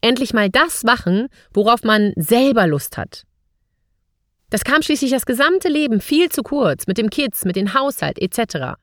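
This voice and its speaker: German lady doing a podcast monologue, talks right at you, lots of questions, very lively voice. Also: on the high side, dry recording, studio quality. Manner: direct address to listener, rhetorical questions. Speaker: podcast host.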